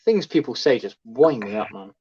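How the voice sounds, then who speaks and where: A man's voice: mid-range voice, very animated, normal speed, slight background noise. A man in casual chat as a podcast co-host, rambling and full of fillers. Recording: slightly dull lo-fi recording.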